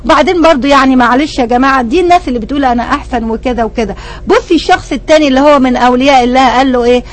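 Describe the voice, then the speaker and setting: An older woman with an Egyptian Arabic accent and a high voice races through a religious lesson for women as their teacher. She speaks emphatically, firing rhetorical questions straight at her listeners.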